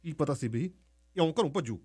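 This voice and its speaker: A man voicing an indignant middle-aged aunt who scolds in a shrill voice. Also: lively intonation, brisk, a little mellow, breathy edge. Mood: dismayed.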